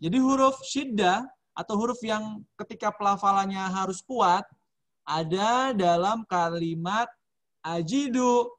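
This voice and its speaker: Guy teaching recitation on a video call, higher voice, slow drills, jokes around. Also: fairly bright tone. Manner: demonstrates letter sounds slowly, repeats drills; casual, jokey asides. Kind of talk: online class lesson. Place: home over video call.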